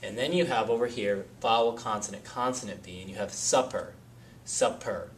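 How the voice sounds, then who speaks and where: A man teaching a phonics lesson. He explains step by step, patiently, and repeats the example words slowly. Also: on the low side, a little hiss or hum.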